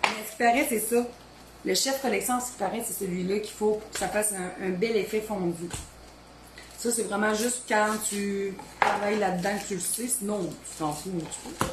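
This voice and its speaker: A woman's voice: mid-range voice, fairly quick, very noisy. Chatty Quebec woman in an echoey kitchen. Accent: Beauce Quebec French. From Quebec, Beauce region. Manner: chatty, rambling, talks to family off camera. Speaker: home cooking vlogger. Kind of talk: casual kitchen chat. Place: home kitchen.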